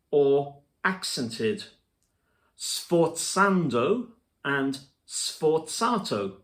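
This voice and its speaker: A man teaching music theory, spelling out terms letter by letter in a slow, deliberate lesson narration. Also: on the high side, fairly bright tone.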